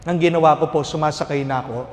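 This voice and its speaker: High-voiced priest telling stories. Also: male voice, fast talker, slight background noise. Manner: lively storyteller with jokes and rhetorical questions. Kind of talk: homily with storytelling. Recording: reverberant hall with faint music.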